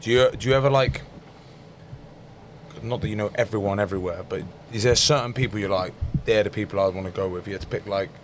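Young host; brisk, rambling interviewer, slightly low voice. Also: male voice, slight background noise. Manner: rambling questions with restarts. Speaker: podcast host, rugby player. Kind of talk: casual interviewing.

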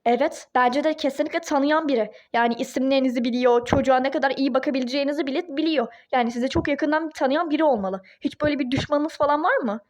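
A woman voicing a sensible, supportive young woman friend in a toy-game role-play drama, talking reasonably and calmly. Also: sits high, fast, few pauses, close to an everyday voice. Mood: reasoning. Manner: reasonable, calming.

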